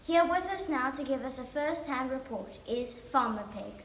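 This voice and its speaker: A woman playing a brisk reporter delivering a mock breaking-news report. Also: sits high, expressive, a little hiss or hum. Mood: urgent. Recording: roomy echo.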